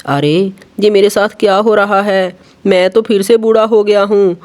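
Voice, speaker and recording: In a children's animated story, a storyteller voices an arrogant, greedy male heron who boasts and gloats. The delivery is medium-pitched, measured, lightly acted, and sounds dismayed.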